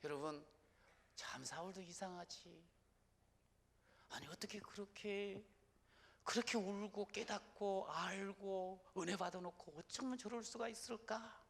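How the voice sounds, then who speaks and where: Pastor guy preaching, high bright voice, goes from hushed prayer to shouting. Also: gravelly, big-room sound. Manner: swings from soft, slow prayer to loud shouted exclamations. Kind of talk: sermon.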